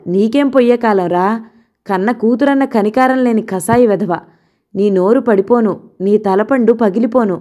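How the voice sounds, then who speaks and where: Woman doing a scolding old grandmother, mellow low-lit voice, sharp tongue. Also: moderate pace, lightly acted. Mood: angry scolding. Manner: scolding, sarcastic, heaping curses. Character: fiery older grandmother, sharp-tongued and cursing.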